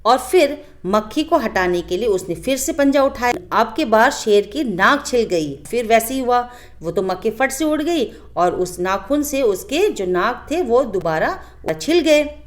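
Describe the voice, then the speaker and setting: A woman teacher walks young pupils through a storybook chapter. Her voice sits a little high, and her storytelling is animated. She keeps turning to the class with questions. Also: measured pace. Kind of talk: explaining a children's story lesson.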